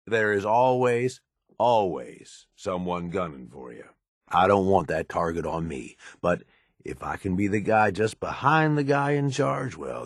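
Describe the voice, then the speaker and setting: For a video game, a deep male voice plays a gruff middle-aged raider who is the boss's right hand. He speaks bluntly and pragmatically, world-weary from years of experience, in drawling, loose, profane slang. The sound is close and dry, with no room sound.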